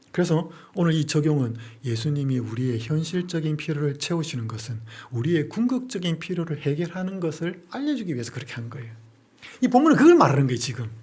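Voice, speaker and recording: A male pastor giving a Bible-study lecture, drilling listeners with quick questions and then answering them himself. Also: fairly high pitch, darkish tone, husky. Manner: asks and answers his own rhetorical questions.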